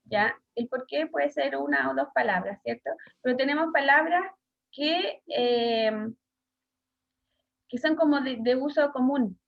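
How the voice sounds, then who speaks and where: A woman's voice: high voice, unhurried, vocal fry. A woman with a Chilean Spanish accent teaching an online class, hesitant with many fillers and questions to pupils. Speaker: schoolteacher. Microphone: video call. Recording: dull lo-fi video call audio.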